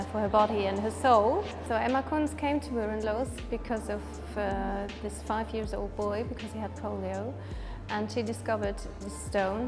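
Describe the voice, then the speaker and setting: Higher-voiced woman over music. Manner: plain, storytelling. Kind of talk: documentary interview. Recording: clear music underneath.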